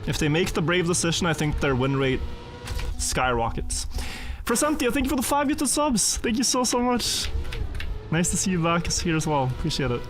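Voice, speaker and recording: A man's voice: a little high, very animated, moderate pace, background noise. A man from Croatia casually chatting with viewers while racing in a game on a live stream. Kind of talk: live gameplay commentary and chat.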